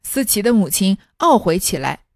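Lively woman narrating a classic tale. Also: mid-range voice, normal speed, no echo, clean studio sound. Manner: expressive, voices each character in turn. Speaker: audiobook reader. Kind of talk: storytelling reading of a classic novel.

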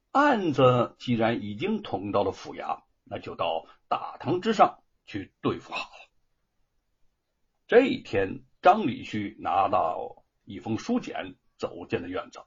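Male storyteller, dramatic narration, very husky, high, sweeping pitch. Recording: dull lo-fi recording.

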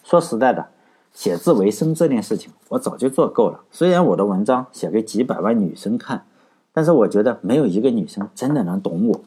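A man voicing an earnest young male writer who dotes on his girlfriend, in a husky, low voice. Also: big pitch swings, fairly quick, dark tone.

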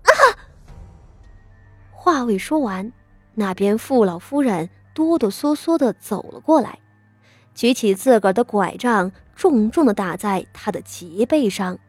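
A woman with a gentle, sweet voice narrating an audiobook in a measured storytelling manner. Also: medium pitch, lively intonation, no echo, soft background music.

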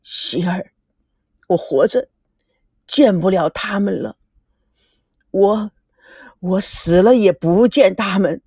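Woman voicing a trembling old man, choked and slow. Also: mid-range voice, mellow, breathy edge, dry recording, clean studio sound. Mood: despairing. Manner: slow, halting, choked with emotion. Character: grief-stricken old man, trembling and halting.

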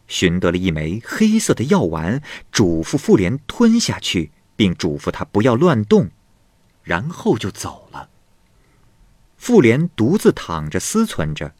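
Slow, lively male storyteller. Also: lowish voice, no room sound, clean studio sound. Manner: leisurely, expressive, does the voices of all the characters. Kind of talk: vernacular retelling of a classic ghost tale.

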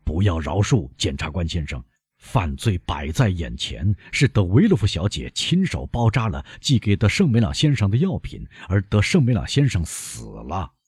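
A man reading an audiobook, voicing a stern doctor who lays out an accusation in a cold, measured way. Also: low-pitched, sing-song, a little mellow, breathy edge, no echo, clean studio sound, heavily acted. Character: stern older male doctor, relentless accuser.

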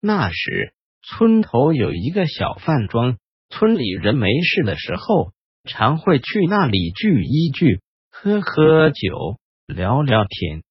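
A man hosting and narrating a ghost story in a slow, hushed storytelling manner. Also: medium pitch, wildly swooping pitch, husky, no echo, dull audio. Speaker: host and storyteller.

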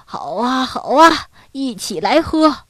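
A woman voicing a lonely, generous old grandfather who speaks gently and cheerfully in a children's story. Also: sits high, sing-song, takes it slowly, dry recording, full character voice.

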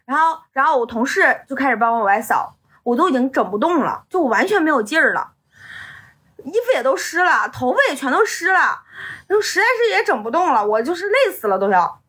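Young woman, twenties, storytelling chat, high, lively and fast. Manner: animated, indignant, acting out quotes. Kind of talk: casual chat, retelling a story.

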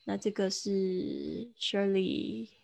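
A woman's voice: medium pitch, huge pitch swings, drawn-out words, gravelly, darkish tone, no echo. A woman teaching an online English lesson, patiently coaching a student's pronunciation over a video call. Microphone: computer mic on a video call.

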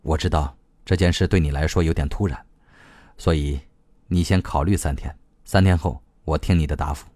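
A man reading a story aloud, voicing a calm, forceful man who speaks low, slowly and evenly. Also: no room sound, clean studio sound. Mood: cool, insistent. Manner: low, slow, even, cool.

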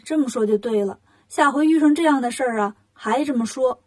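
In a storybook reading, a woman gives voice to a clever, cocky monkey king, delivering his lines quickly and with a teasing edge. Her voice sits high.

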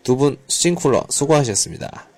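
A man's voice: medium pitch, expressive, normal speed, a little mellow, husky. A man teaching a conversational online language class, mixing with Mandarin words and often murmuring short acknowledgments. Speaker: Korean language teacher hosting a live class. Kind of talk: conversational online lesson with learners.

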